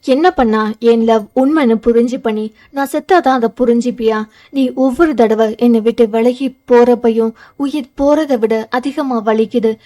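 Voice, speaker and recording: A woman's voice: fairly high pitch, fairly even intonation, moderate pace, warm tone, close to an everyday voice. A woman voicing an intense, stubborn young man in an audio novel, speaking urgently and pleading. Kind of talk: audio novel character reading.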